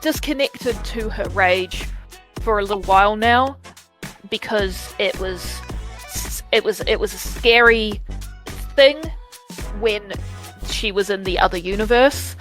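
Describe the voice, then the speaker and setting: A woman player in a tabletop game, casual and animated as she describes her character's actions. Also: medium pitch, takes it slowly, pauses often, soft background music.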